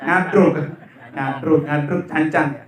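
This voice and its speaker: A man gives a sermon at a memorial gathering. He speaks very slowly and stresses his words, often putting questions to the crowd. His voice sits a little high and comes from far off in an echoey room. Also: steady tone. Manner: slow, emphatic, asks the audience questions.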